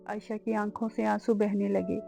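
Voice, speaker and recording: A woman narrating an emotional novel in slow, dramatic storytelling. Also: medium pitch, flat delivery, gravelly, dark tone, soft background music.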